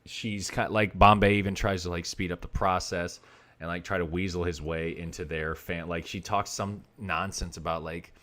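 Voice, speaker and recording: Young male co-host, very low voice, loose rambling chat delivery. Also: fairly even intonation, normal speed, a bit bright. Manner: rambling retelling full of "like". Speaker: podcast co-host. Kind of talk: casual chat reviewing a film.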